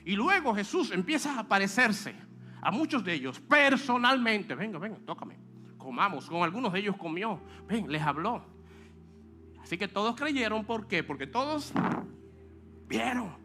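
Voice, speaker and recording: A man preaching a sermon as pastor, animated, with joking asides to the congregation, acting out quoted speech. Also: high-pitched, normal speed, faint music behind.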